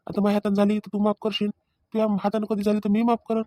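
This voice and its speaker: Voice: medium pitch, completely flat delivery, racing, mellow, dry recording, natural voice. A performer voicing a remorseful young husband in a cartoon family drama who pleads and defends himself, speaking. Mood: pleading.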